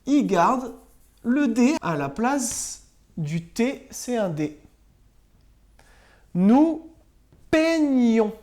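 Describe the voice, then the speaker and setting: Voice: medium pitch, sing-song, takes it slowly, a little mellow. A primary school teacher giving a recorded lesson to pupils at home, patiently spelling words out letter by letter and often checking that they follow.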